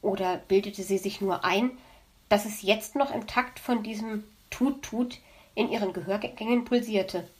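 A woman narrating a children's storybook in an expressive, lively way. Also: medium pitch.

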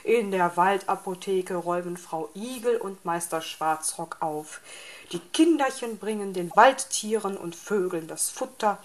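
A woman's voice: mid-range voice, a little slow, lightly acted. A woman voicing a polite, fussy old male owl in a storybook reading, hooting now and then.

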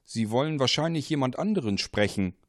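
A man's voice: mid-range voice, animated, a little fast, no echo, clean studio sound, pitched above the performer's own voice, natural voice. A man voicing a confused male character who answers a strange call and pushes back with defensive questions. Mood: bewildered.

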